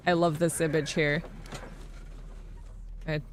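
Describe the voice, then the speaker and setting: A woman streaming a game, chatting casually, playful and excitable, cooing at the characters on screen. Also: deep voice, slow pace, slight background noise.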